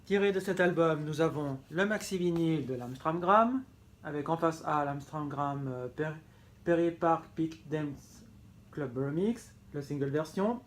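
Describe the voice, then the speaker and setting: An unhurried man with a fairly high voice presents his vinyl collection in a casual show-and-tell vlog. He sounds enthusiastic and often corrects himself mid-sentence.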